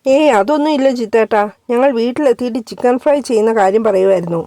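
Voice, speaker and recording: A woman's voice: on the high side, fast, mellow, dry recording, clean studio sound, natural voice. A woman doing a cheeky, teasing young woman.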